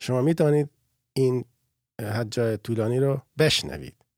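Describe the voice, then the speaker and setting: A man leads a pronunciation drill, speaking slowly and deliberately so learners can repeat after him. His voice sits at an ordinary pitch and is recorded dry and close, with no room sound. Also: dry recording. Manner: slow, deliberate, repeats words for students to copy. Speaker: language teacher.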